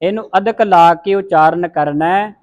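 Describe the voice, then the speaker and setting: In a classroom recitation lesson, a Gurbani pronunciation teacher with a Punjabi accent sounds out scripture words letter by letter, and the group repeats after him. His voice sits high and is a little mellow, at a moderate pace.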